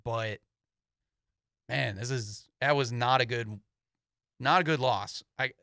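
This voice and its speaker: A man's voice: mid-range voice, takes it slowly, gravelly, sharp tone, no echo. A young man co-hosting a casual sports talk show, easygoing and rambling with fillers, speaking into a studio mic in a small studio. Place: small studio with foam panels. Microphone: studio mic on boom, headphones.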